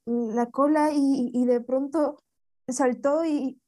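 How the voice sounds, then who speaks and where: A woman from plays a rebellious teen in a tabletop role-playing game, often stammering and restarting. She speaks from a clearly higher register than most women. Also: fairly even intonation, slow, warm tone. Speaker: player.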